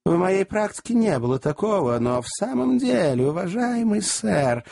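A man's voice: high-pitched, very animated, moderate pace, gravelly, a little mellow, dry recording, studio quality, pitched above the performer's own voice, full character voice. A man doing a fussy pleading little lawyer. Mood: anxious. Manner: imploring, repeats polite address. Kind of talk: audiobook character voice.

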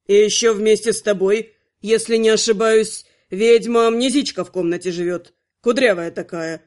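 A woman's voice: medium pitch, steady tone, normal speed, darkish tone, pitched below the performer's own voice, close to an everyday voice. A woman voicing a stern, cold male necromancer magister who speaks curtly and with irritation, in an audiobook. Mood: irritated stern. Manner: curt, irritated. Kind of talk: audiobook narration.

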